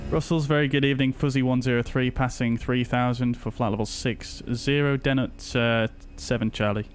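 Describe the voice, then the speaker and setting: A man's voice: mid-range voice, fairly even intonation, normal speed, slight background noise. A man on a headset mic, speaking in clipped pilot radio calls and cockpit callouts. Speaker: flight sim streamer playing pilot.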